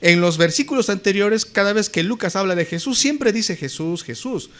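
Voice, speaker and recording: A man preaches with a lively, swinging delivery, his somewhat high voice rising and falling across each phrase. He leans hard on emphasis and poses question after question to the congregation, calling them brothers. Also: moderate pace. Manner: addresses listeners as brothers. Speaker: pastor. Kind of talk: sermon.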